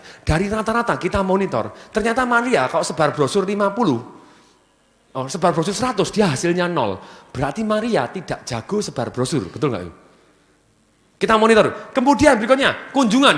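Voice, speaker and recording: A man giving a motivational business seminar to a live audience, energetically firing questions for them to finish. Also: high voice. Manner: energetic, keeps asking the audience fill-in questions. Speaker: seminar speaker. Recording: long hall reverb from a venue PA.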